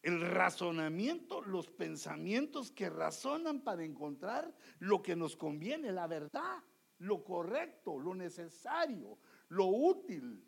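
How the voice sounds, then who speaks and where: A man's voice: high-pitched, takes it slowly, gravelly, slightly rough. A man preaching a sermon, acting out everyday scenes with quoted voices. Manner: animated, acts out quoted voices and dialogues.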